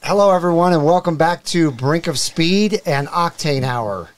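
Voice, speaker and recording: On the high side and animated, at a moderate pace, this middle-aged show host runs a live car podcast. Seated at a studio desk with a boom-arm mic, he cheerfully welcomes viewers and delivers sponsor reads.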